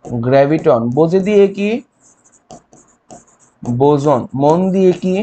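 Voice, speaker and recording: A young man with a Bangladeshi Bengali accent tutors chemistry in an online exam-prep lecture, quizzing students with rhetorical questions and mnemonics and often checking in with "ঠিক আছে?". His voice is on the high side, expressive, slow and mellow. The highs are cut off, and soft music plays in the background.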